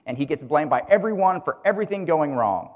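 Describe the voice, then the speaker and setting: A man's voice: on the high side, animated, a little fast, muffled recording. Man teaching a group in a reverberant hall. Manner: asks listeners rhetorical questions and calls on them by name. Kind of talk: religious teaching talk to a group.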